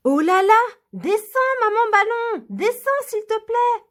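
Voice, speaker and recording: A woman voicing a curious, eager little girl mouse in a storybook reading, with a high, excited voice. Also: normal speed. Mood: pleading.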